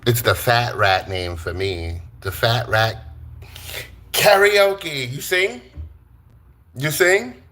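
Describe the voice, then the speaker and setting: Bright-voiced joking New man. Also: mid-range voice, lively intonation, takes it slowly, long pauses. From Brooklyn, New York. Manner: playful, joking, greets chat and swears freely. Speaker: live-stream tarot reader. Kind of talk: live-stream chat with viewers.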